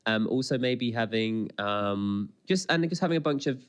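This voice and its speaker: Animated and clean-toned, this medium-pitched podcast co-host rambles through casual chat at a normal speed. He's talkative and keeps breaking off to interrupt himself.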